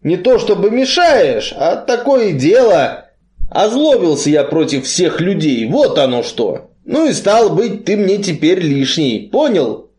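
A man's voice: high voice, very animated, a little mellow, voice pushed up. A man reading a gloomy, blunt strongman. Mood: grim. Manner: muffled, blunt, slow and heavy. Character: big heavy gloomy strongman, grown man.

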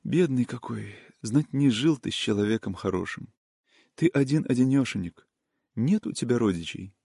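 A man voicing a tender, melancholy young peasant woman in an audiobook reading, with a soft, soothing, singsong manner. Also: mid-range voice, animated, moderate pace, creaky, husky, dry recording, clean studio sound.

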